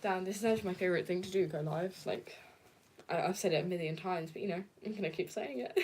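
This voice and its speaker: A young woman chatting casually on a live stream, soft and hesitant, with many fillers and nervous giggles. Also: lowish voice, fast talker, slight background noise. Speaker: livestreamer reading viewer comments.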